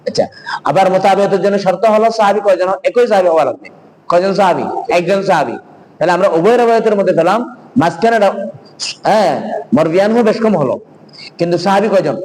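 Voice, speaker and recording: High-voiced man teaching hadith. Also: fast talker, darkish tone, poor audio. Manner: asks students questions and answers them himself; mixes in Arabic recitation and Hindi-Urdu phrases. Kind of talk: online classroom lecture.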